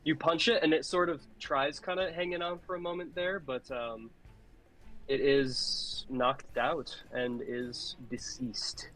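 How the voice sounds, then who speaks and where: A man's voice: a little high, fairly even intonation, slow pace, fairly bright tone, faint music behind, poor audio. A man serving as game master, explaining rules and narrating the scene in a laid-back, patient way. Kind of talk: running a tabletop game over voice chat.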